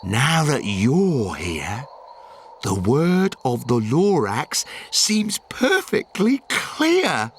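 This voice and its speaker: A man acts out an old storybook industrialist, greedy and full of regret. The delivery is theatrical and emphatic, swinging widely in pitch over music. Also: a bit bright, dry recording, exaggerated voice. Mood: grave urging. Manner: theatrical, emphatic, repeating words. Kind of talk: dramatic storybook reading.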